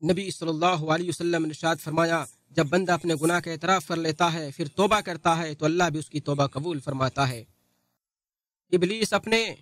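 A man's voice: fairly high pitch, a bit bright, no echo. Solemn man reading a translated sermon. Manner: solemn, measured recitation.

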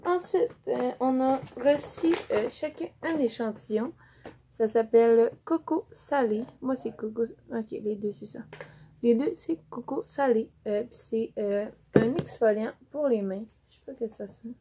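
A woman's voice: on the high side, unhurried, mellow. A young woman with a Quebec French accent, chatting casually through a haul video with many fillers as she shows things to the camera. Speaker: vlogger. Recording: dull lo-fi audio with faint noise.

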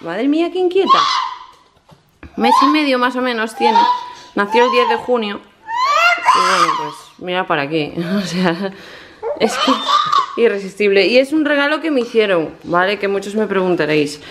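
A woman's voice: mid-range voice, lively intonation, moderate pace, very noisy. A woman from filming a casual home vlog, cooing and gushing in baby talk at her pets and child. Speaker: vlogger. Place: home living room.

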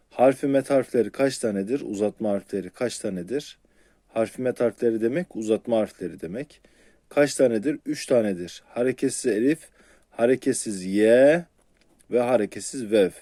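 A man teaching Quran reading in a patient, step-by-step lesson. He repeats syllables slowly, asks his viewers questions and answers them himself. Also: medium pitch, mellow, no echo, clean studio sound.

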